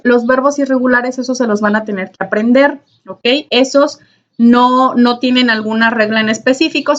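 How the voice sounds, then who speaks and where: A woman, teaching an online English grammar class in a patient, repetitive way and checking in often. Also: a little high. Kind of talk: recorded online class lesson. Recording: dull lo-fi recording.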